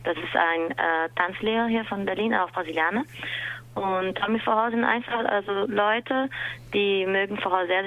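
Gravelly bright Brazilian young woman. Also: medium pitch, lo-fi sound. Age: 20s. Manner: laughs often, halting non-native German. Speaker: dance teacher, guest. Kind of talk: live interview over a call.

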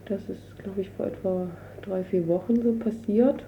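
This interviewee, a representative of a refugee council, talks informally and tentatively, groping for words while explaining things on the spot. Her mid-pitched voice keeps a steady tone and moderate pace, captured on a noisy, lo-fi, dull-sounding radio recording.

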